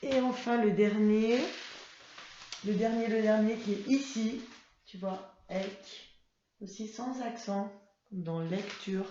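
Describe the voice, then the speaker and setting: Slow, patient woman teacher. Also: medium pitch, dark tone, slight background noise. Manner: patient, spells out letters and sounds. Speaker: primary school teacher. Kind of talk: reading lesson for young children. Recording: roomy, slightly dull sound.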